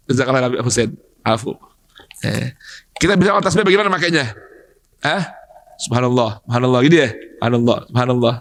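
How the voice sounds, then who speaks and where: Lively high-voiced man preaching in a mosque. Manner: lively, teasing, asks the congregation questions; bursts into loud emphatic shouts. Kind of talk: dawn mosque sermon.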